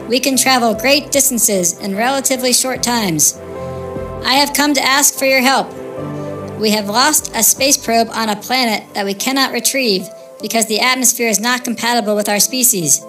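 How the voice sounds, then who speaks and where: A woman's voice: a little high, close to an everyday voice. A woman voicing a friendly, earnest alien traveler who explains things in a polite, formal way. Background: soft music.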